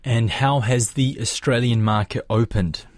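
A man's voice: medium pitch, fairly even intonation, measured pace, no echo, studio quality. A man presenting scripted business news on the radio and putting questions to guests. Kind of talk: scripted news reading and interviewing. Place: dry studio.

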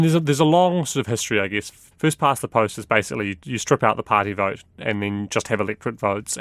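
Low gravelly New man explaining. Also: a bit bright, dry recording. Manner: hedging, conversational, with fillers. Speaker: explainer, commentator. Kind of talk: casual explanatory talk.

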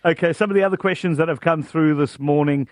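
A man's voice: fairly high pitch, quick pace, no echo, studio quality. A man hosting a radio phone-in, chatting casually as he introduces and questions a guest. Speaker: radio host. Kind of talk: casual live phone-in chat.

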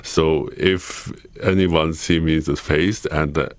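Disguised deep voice of a young man. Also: fairly even intonation, no echo. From China. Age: young adult. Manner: halting, careful, pausing for words. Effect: voice disguised, pitched down. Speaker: interviewee. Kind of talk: documentary interview.

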